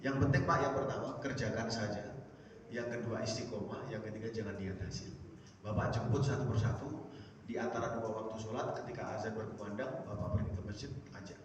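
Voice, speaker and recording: A man from Jakarta giving a dawn sermon in a small prayer house, asking the congregation questions and answering them himself, rising loud on key words and dropping low at line ends. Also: fairly quick. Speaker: preacher. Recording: echoey, distant, dull sound with faint noise.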